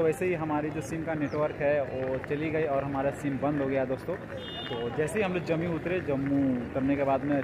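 A young man vlogging a train journey and a railway station into his phone, chatty and calling his viewers friends again and again. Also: a little high. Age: young adult. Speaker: travel vlogger. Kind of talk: casual travel vlog to camera. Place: inside a train, then outdoors at a busy railway station. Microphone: phone camera held at arm's length. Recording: loud background noise from a moving train and station. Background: loud train and station noise.

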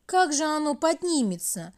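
A woman voicing Night, a gentle, motherly figure who soothes and sighs in a storybook tale. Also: high-pitched, sing-song, normal speed, voice pushed up. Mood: soothing. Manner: soothing, sighing.

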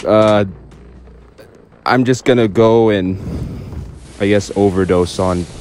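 A man's voice: on the low side, steady tone, slow, darkish tone, slight background noise. A young man giving rambling, joking commentary over a game, stammering often and swearing casually. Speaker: gaming YouTuber.

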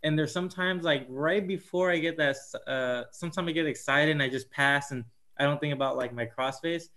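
A man's voice: a little high, brisk, sharp tone. A man speaking as a student on a video call, putting a question to his coach in a casual, hesitant way.

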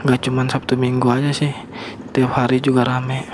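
A young man talks his viewers through a motorbike ride in a flat, laid-back voice. He sounds relaxed and slangy, recorded on a camera mic on the move. Engine and street traffic noise sit clearly under his words. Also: mid-range voice, normal speed. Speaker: motovlogger. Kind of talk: casual riding commentary. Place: riding a motorbike on town streets outdoors.

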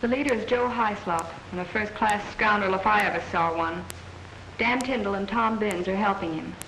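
A woman's voice: medium pitch, normal speed, close to an everyday voice. A woman playing a spirited, outspoken young rancher's granddaughter in a 1940s western film. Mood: defiant. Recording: echoey, noisy 1940s film soundtrack.

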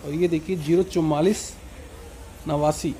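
A man giving live, brisk commentary on a train journey, full of times and train details, filmed on a phone aboard the train and on a railway platform outdoors. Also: fairly high pitch, steady tone. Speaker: train travel vlogger. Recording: loud train and outdoor noise.

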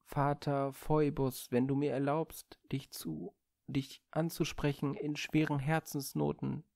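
A man's voice: on the high side, flat delivery, slow, vocal fry, a little mellow, dry recording, studio quality, pitched above the performer's own voice. A man voicing Phaethon, a proud yet earnest young man who speaks hesitantly and pleadingly to his divine father in a storybook reading.

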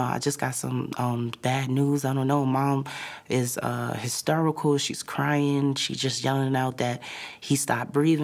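A woman's voice: very deep voice, vocal fry. A woman in her twenties recounting a personal story in a conversational, emotional way, with frequent "like" fillers. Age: 20s. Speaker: interviewee. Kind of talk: personal testimony interview. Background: soft music bed.

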